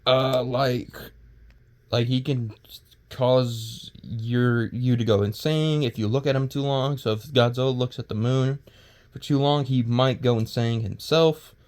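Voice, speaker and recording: A video creator talks casually and off the cuff, rambling and halting, often tripping over words and starting again. His mid-range voice is a little mellow, with fairly even intonation.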